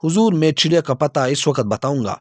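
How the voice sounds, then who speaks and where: A man's voice: on the high side, lively intonation, a little mellow, dry recording, clean studio sound, voice pushed up. A man voicing a respectful talking palace.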